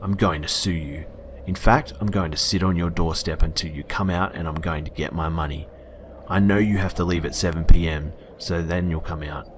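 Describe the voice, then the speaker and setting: Aggressive man, low voice, loud and threatening, as a narrator puts him on. Horror story reading. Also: steady tone, normal speed, noisy background, close to an everyday voice. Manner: aggressive, shouting demands. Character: angry threatening man demanding a refund.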